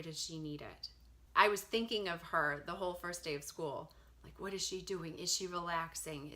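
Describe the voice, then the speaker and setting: A woman in her thirties who works from home, chatting to camera in an animated, storytelling way. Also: fairly low pitch. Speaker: direct sales consultant. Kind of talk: casual talk to camera.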